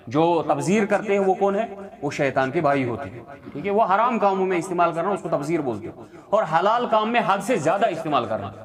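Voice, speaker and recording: Man explaining Quran verses in Urdu. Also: high voice. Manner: recites Arabic verses, then explains them in Urdu with frequent checks like "theek hai". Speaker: Quran teacher.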